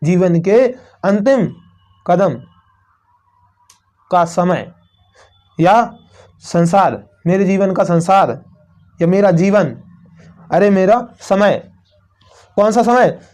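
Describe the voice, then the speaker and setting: A male teacher with a North Indian Hindi accent goes through a poem line by line. His voice sits high and he speaks at a slow, deliberate pace. He poses questions and answers them himself, repeating each point. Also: darkish tone. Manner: repetitive, asks and answers own questions.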